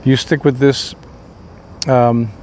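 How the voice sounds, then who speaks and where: A man's voice: medium pitch, level tone, takes it slowly, darkish tone, slight background noise. An older man, a pastor, giving an informal devotional talk, rambling and folksy with many fillers and restarts.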